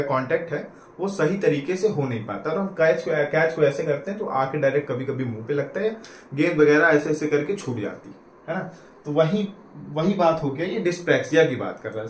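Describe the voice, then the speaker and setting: A man's voice: a little high, roomy sound, a little hiss or hum, rough recording. A man from Uttar Pradesh, India, giving a casual exam-prep lecture who explains things step by step and keeps checking in with "right?" and "okay?". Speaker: teacher-exam coach.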